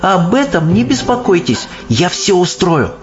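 A man voicing a brave, indignant young orphan girl who is quick to protest, in a storybook reading. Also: high voice, very animated, voice pushed up. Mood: eager. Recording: dull audiobook sound, faint music.

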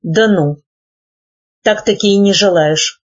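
A woman reading the lines of a sick old rich uncle, firm and gruff, in a dull lo-fi recording. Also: mid-range voice, takes it slowly.

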